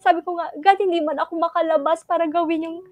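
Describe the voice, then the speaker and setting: A woman with a high, bright voice shares a personal testimony sermon in an earnest, pleading way, acting out her own prayers. The sound is close and dry, with no room around it. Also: fairly even intonation, fast talker, no echo. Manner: earnest, prays aloud in quoted pleas. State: tearful at moments. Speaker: preacher.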